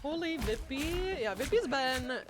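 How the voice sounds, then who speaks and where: A woman live streamer chatting casually with viewers while gaming, excitable and bubbly, with cutesy greetings and a playful foul mouth. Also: high voice, a little slow, over music.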